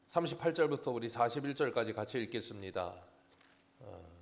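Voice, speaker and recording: A man's voice: mid-range voice, animated, brisk, vocal fry. A man preaching a sermon as pastor, asking the congregation questions and answering them himself.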